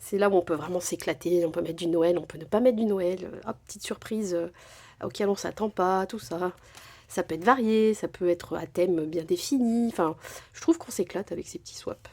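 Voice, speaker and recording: A woman's voice: on the low side, moderate pace, a little mellow, husky. Woman vlogger, casual unboxing chat, effusive, lots of fillers. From France. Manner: chatty, gushing, many fillers. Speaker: crafting vlogger.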